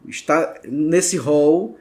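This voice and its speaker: A man's voice: on the high side, drawn-out words, a little mellow. Courteous male entrepreneur guest. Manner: polite, formal gratitude, short affirmations. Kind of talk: casual interview chat.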